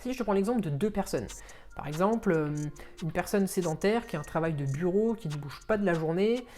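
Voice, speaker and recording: A man's voice: sits high, expressive, brisk, darkish tone, faint music behind. A man, a fitness coach, explaining things in an informal way, talking straight to the viewer while he walks. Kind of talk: casual explainer video.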